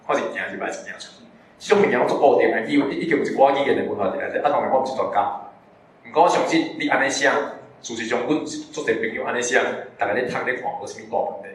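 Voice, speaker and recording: A man giving an informal public talk in a bookstore, speaking conversationally, often ending phrases with tag particles and asking the audience questions. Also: mid-range voice. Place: bookstore event room. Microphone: recorded on a recorder in the room. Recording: very echoey room, distant mic, faint noise.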